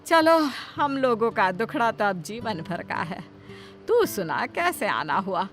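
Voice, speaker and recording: A woman voicing a complaining, dramatic middle-aged mother-in-law in an animated story. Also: medium pitch, takes it slowly, soft background music. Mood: grumbling.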